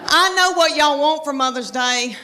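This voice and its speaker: Woman in her fifties, Southern American accent, stand-up comedy, chatty drawl, slightly high voice, faint live-show noise. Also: moderate pace, sharp tone. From Southern United States. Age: 50s. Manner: chatty, drawling, addresses the crowd directly. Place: comedy stage before a live audience.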